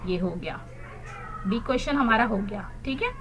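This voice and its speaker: A woman's voice: on the high side, expressive, moderate pace, a little hiss or hum. A woman teaching young children, explaining in Hindi and spelling words out letter by letter. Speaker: primary school English teacher. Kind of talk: recorded online class lesson.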